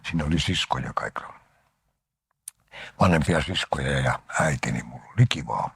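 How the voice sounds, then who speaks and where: An older man from Finland, an actor giving an interview, telling anecdotes about his life and often sinking into a breathy half-whisper. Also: rumbling low, a bit bright, dry recording, studio quality. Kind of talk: reminiscing interview talk.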